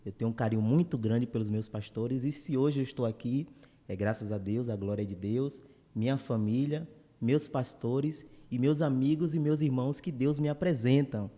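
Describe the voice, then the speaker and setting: A man, a guest preacher who speaks with warm, grateful greetings. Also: mid-range voice, normal speed, big-room sound. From Salvador, Bahia, Brazil. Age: 20s. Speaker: guest preacher, church elder. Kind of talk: casual interview talk.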